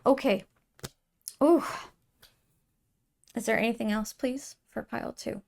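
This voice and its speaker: A woman giving an earnest, emotional tarot reading to her viewers, soft-spoken, with many fillers and restarts. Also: a little high, fairly even intonation, a little slow, gravelly. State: tearful at times. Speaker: tarot reader. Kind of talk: intuitive tarot reading to camera.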